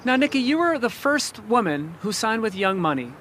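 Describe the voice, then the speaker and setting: Guy interviewer, high voice, bouncy, rapid-fire questions. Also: very animated, fairly bright tone, slight background noise.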